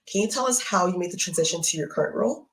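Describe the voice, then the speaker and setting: A woman's voice: lowish voice, animated, racing, rough recording. A woman hosting an interview series, reading a polished introduction and asking questions. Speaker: host.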